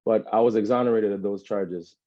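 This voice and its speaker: A Jamaican-accented man in his thirties tells his own story as a sit-down interview guest, rambling loosely and often checking in with "you know what I'm saying." His voice is fairly low, mellow and fairly quick, with fairly even intonation. The sound is dull and lo-fi, with no echo.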